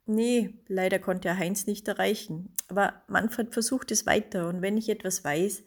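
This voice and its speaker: A woman voicing a cheerful, supportive female friend in a bright, reassuring tone. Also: mid-range voice, fairly even intonation, normal speed, close to an everyday voice.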